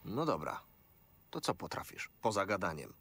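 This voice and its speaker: A deep, sarcastic mercenary. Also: male voice, sing-song, normal speed, a bit bright, breathy edge, heavily acted. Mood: wry. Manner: blunt, sarcastic questions. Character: gruff male mercenary, skeptical and dry.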